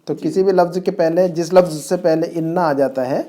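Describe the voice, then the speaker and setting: A man's voice: a little high, mellow. A man teaching a grammar class at home, drilling his students with repeated questions and frequent checks that they follow. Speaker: Arabic teacher. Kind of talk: classroom lesson.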